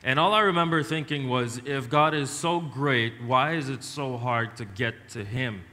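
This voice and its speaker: Bright-voiced man preaching. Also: medium pitch. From Trinidad and Tobago. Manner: speaks in short phrases with pauses for translation, many fillers. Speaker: missionary preacher. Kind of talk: preaching testimony through an interpreter. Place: church hall. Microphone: handheld microphone. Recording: echoey church hall, faint noise.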